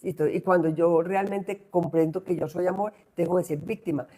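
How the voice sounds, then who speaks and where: A Colombian woman speaking as a guest, teaching warmly and acting out examples in an animated way. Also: fairly low pitch, normal speed. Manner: animated, acts out examples with raised voice. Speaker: guest speaker on spiritual growth. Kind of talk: reflective conversational teaching.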